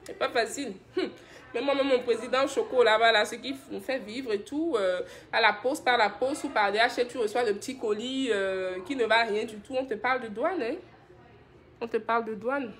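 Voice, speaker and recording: A woman's voice: fairly high pitch, normal speed. A woman from Benin, hosting a live stream and chattily answering viewer comments about skincare. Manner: chatty and affectionate, laughs often, reads comments aloud. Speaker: skincare brand host.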